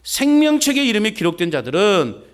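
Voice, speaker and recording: With a high voice and a slightly fast delivery, a male pastor gives a lively sermon. He leans on homespun rhetorical questions and call-and-response with his congregation.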